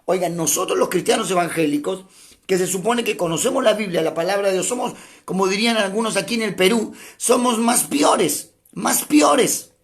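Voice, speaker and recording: A pastor with a high voice for a man preaches a sermon that was streamed live. He talks to his listeners in a chatty way and reads scripture slowly, leaning hard on key words. Now and then he acts out the doubts of churchgoers.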